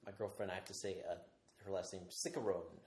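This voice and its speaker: A man's voice: low voice, level tone, a little mellow, reverberant. A man co-hosting a podcast in casual chat, words tumbling out with restarts. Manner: quick, tumbling talk with restarts. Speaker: podcast co-host.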